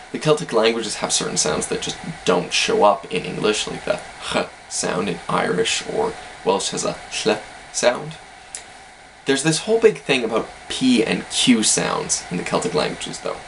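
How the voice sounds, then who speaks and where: A man's voice: lowish voice, gravelly, fairly bright tone, slight background noise, low-quality recording. A man casually explaining language facts in an educational video, hedging with self-deprecating asides.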